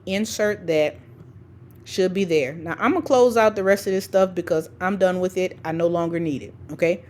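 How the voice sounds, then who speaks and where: Her voice is lowish and a little mellow, moving at a normal speed over a screen-recording voice-over. A spreadsheet tutorial instructor for educators, she teaches the screencast step by step, dictating formulas in pieces and informally checking in with frequent "okay"s and "right"s.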